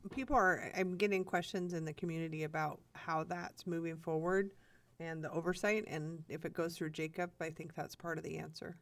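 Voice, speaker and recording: A woman at a council meeting asking questions in an inquisitive, halting way. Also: sits low, steady tone. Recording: distant from the microphone.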